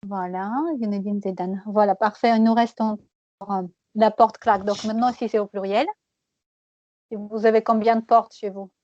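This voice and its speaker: A woman teaching French pronunciation one-on-one, patiently repeating words slowly and laughing often. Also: medium pitch, flat delivery, darkish tone, dry recording, dull audio.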